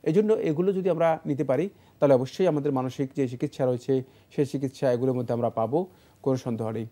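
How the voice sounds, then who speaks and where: Male religious scholar, mid pitch, mellow voice, patient and explanatory. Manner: measured, explanatory, many fillers. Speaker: Islamic scholar answering questions. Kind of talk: studio Q&A explanation.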